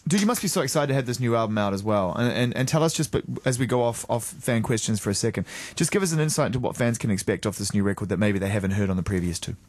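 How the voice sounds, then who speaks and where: A man's voice: fairly low pitch, animated, rapid-fire, few pauses, dry recording. A man hosting a radio interview, enthusiastic and chatty. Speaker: radio host.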